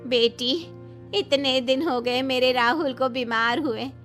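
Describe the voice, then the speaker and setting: Bitter grieving cartoon aunt, middle-aged, high voice, a woman voicing her. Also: slow, a bit bright, soft background music. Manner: bitter, reproachful. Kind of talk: cartoon voice acting.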